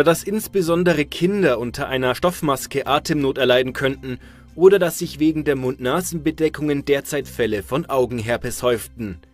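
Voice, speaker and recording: A man reading scripted narration for a news video. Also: on the high side. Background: music.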